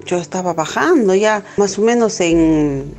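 A middle-aged woman telling an emotional personal testimony, halting and repeating words, with many filler questions. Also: lowish voice, lively intonation, a little mellow, soft background music. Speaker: testimony giver.

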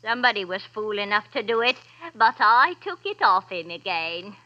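A woman's voice: mid-range voice, expressive, normal speed, lo-fi sound, lightly acted. An actress playing a coarse, greedy old charwoman who talks in a brash, mocking way in an old radio drama. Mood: gloating.

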